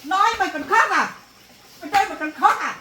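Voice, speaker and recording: In a family drama, a woman takes the role of an angry rural mother, scolding her daughter with shouting bursts. She speaks at a normal speed in a high-pitched voice. The recording is distant and echoey, carrying faint noise.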